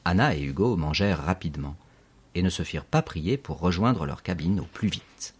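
Deep, husky male narrator. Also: moderate pace. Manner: steady, clear reading, reading dictionary entries. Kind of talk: scripted audiobook narration.

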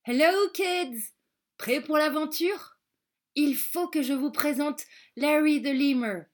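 A woman's voice: high voice, takes it slowly, voice pushed up. A woman playing a cheerful schoolteacher. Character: cheerful female schoolteacher greeting her class.

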